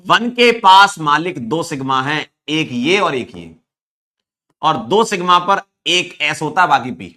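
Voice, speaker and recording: Male chemistry teacher from India, bright slightly high voice, playful teasing manner, live online class. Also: very animated, measured pace. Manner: playful, teasing, counts aloud.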